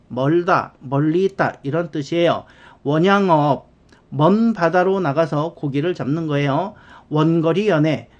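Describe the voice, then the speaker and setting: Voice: mid-range voice, a little mellow, highs cut off. An English grammar teacher giving a casual spoken lesson, chatty and explanatory, who acts out little quoted dialogues. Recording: background music.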